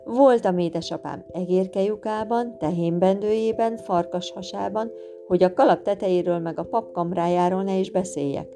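A woman's voice: fairly even intonation, lightly acted. A woman voicing a tiny, brave and cheeky boy in a storybook reading, with guitar music behind. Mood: cheerful. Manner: shrill shouting.

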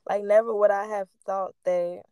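A woman's voice: mid-range voice, little pitch movement, normal speed, warm tone, clean tone, no room sound. A young woman telling personal stories casually, stoned and rambling, losing her thread, with candid slang and free swearing.

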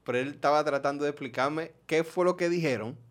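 A podcast host tells funny stories in a casual chat, laughing a lot and acting out different voices. His voice is on the high side and fairly quick.

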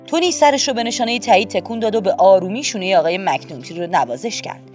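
A woman narrating a children's storybook in a gentle, steady, expressive way. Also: medium pitch, soft background music. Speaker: audiobook narrator.

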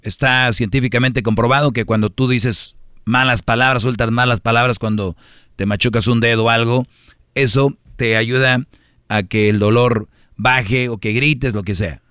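A man's voice: medium pitch, fairly even intonation, moderate pace, a bit bright, clean tone, no room sound, clean studio sound. A man hosting a radio show, arguing and teasing his co-host in casual banter. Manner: teasing, sarcastic, argumentative.

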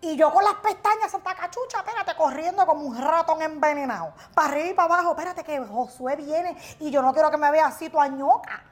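A woman tells stories as a podcast guest at home. Her voice is high, and her storytelling is animated and expressive. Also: fast, hardly any pauses. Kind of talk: casual chat.

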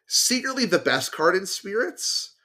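A man's voice: high voice, very animated, a little slow, sharp tone. Man explaining card game tactics. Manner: thinks aloud with fillers and restarts. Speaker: podcast guest. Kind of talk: casual chat.

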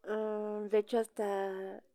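A woman's voice: mid-range voice, slow pace, no room sound. A middle-aged woman with a Mexican accent, chatting casually to other wives and often dropping into a whisper. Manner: chatty, animated, drops into whispers. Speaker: trucker's wife sharing experiences.

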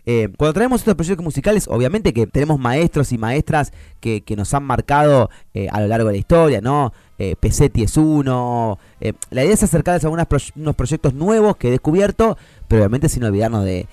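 A man's voice: medium pitch, expressive, fairly quick, a little mellow, dry recording, clean studio sound. A man hosting a casual radio chat about children's music, speaking Rioplatense Spanish, enthusiastic and full of fillers and restarts. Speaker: radio host.

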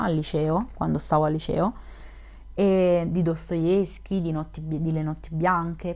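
A young woman hosting a reading podcast, narrating a novel aloud and then commenting on it casually, in a calm, measured way. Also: on the low side. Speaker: podcast host and reader.

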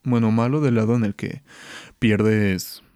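Hosting his podcast, this young Mexican-accented man has a fairly low, smooth, slightly mellow voice with a steady tone and a somewhat slow pace. He rants casually through stories, full of slang and jokes, and laughs a lot.

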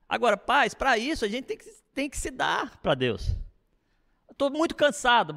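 Animated middle-aged pastor preaching in a hall. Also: male voice, high-pitched, vocal fry. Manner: animated, conversational preaching with frequent asides. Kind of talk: sermon.

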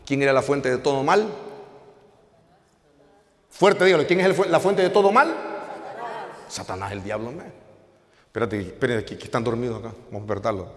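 A man, preaching an animated, joking sermon and calling out to his congregation in a church. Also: mid-range voice, normal speed, long pauses. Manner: animated, jokes, calls out to the congregation. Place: church hall. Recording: long reverb in a hall.

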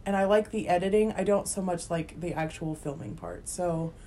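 A woman's voice: lowish voice, moderate pace, dark tone, slight background noise. A woman co-hosting a casual chat podcast with a friend, laughing often and trailing off into fillers. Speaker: podcast co-host.

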